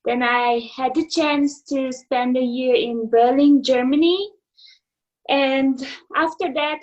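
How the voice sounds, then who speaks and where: Slow-speaking high-voiced woman. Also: muffled recording. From Hungary. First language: Hungarian. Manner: unhurried, many fillers and restarts. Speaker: fitness instructor, guest. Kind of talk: casual interview over video call. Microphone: video call microphone.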